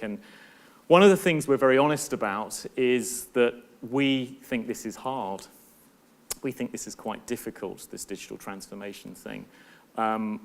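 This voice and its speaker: A middle-aged man giving a conference talk as a university professor, earnest and thoughtful, often restarting and repeating words. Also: lowish voice. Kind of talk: conference presentation.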